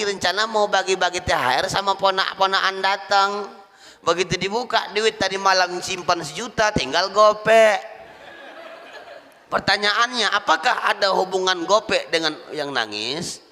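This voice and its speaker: A man giving a humorous sermon in a mosque, jokey and animated, with loud emphatic bursts. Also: sits high, normal speed, big-room sound. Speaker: preacher. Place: mosque hall.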